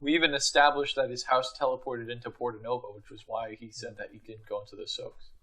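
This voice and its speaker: A man's voice: medium pitch, level tone, fast talker, fairly bright tone, a little hiss or hum. A man taking part in a tabletop role-playing game, bantering casually and slipping in and out of character.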